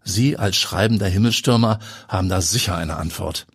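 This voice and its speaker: A man's voice: sits low, moderate pace, breathy edge, voice pushed up, exaggerated voice. A man voicing a weary chief police inspector who questions in a dry, official, sardonic way. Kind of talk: audiobook character voice.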